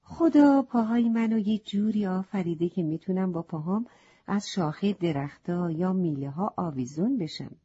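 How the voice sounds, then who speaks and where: A woman's voice: fairly low pitch, expressive, dark tone, slightly rough. A woman voicing a chatty, matter-of-fact talking parrot in a children's story, on a slightly muffled recording. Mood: explaining.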